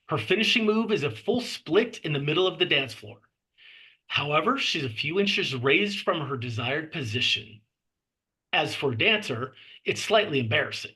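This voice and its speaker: Reading the stage directions for a screenplay at a table read, this narrator has a fairly high, bright voice with some force behind it. The audio quality is poor.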